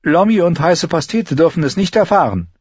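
A man reading an audiobook voices a defiant, scrappy young noble girl in a raised, sharp, commanding tone, husky underneath. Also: on the high side, very animated, fairly quick, dry recording, muffled recording, voice pushed up. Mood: earnest.

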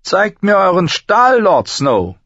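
A man voicing a cold, sneering middle-aged male master-at-arms with a sharp, booming voice and a mocking manner. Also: expressive, normal speed, no room sound, lo-fi sound. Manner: mocking, contemptuous.

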